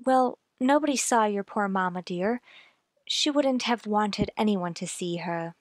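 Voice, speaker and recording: A woman playing a gentle, concerned character in an old-time radio play, soothing and earnest. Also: mid-range voice, lively intonation, measured pace, no room sound, studio quality, natural voice. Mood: gentle, persuading.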